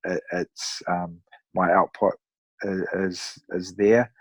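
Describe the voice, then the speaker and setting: A man in his thirties with a broad New Zealand accent, chatting casually as a podcast guest in a laid-back, matey, rough-around-the-edges way. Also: low-pitched, level tone, slow pace, dry recording. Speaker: podcast guest, amateur endurance athlete. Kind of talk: casual conversational storytelling.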